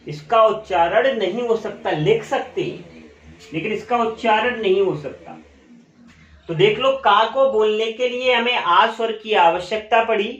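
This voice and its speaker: A male teacher giving a classroom lesson, asking questions and answering them himself, and repeating key terms slowly. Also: high-pitched, a bit bright. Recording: echoey room, dull lo-fi sound.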